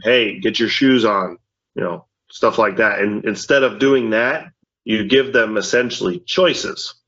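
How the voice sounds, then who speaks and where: On a parenting podcast, a middle-aged father chats casually and loudly, rambling along in a mildly deep voice and often tossing in "you know what I mean." The audio is dull and lo-fi.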